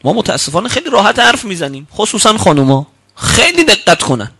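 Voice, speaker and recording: Male preacher, bright, fairly high voice, emphatic sermon delivery, slow quoted sayings. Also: very animated, breathy edge. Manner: emphatic, rising to loud rebukes; quotes Arabic sayings slowly, then explains them.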